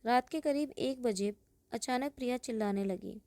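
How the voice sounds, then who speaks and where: A woman with a slightly high voice reads a heartfelt story at a steady, even pace. Her tone is mellow and soft-edged, with a gravelly fry running under the words. The sound is close and dry. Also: normal speed, dry recording. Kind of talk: first-person story narration.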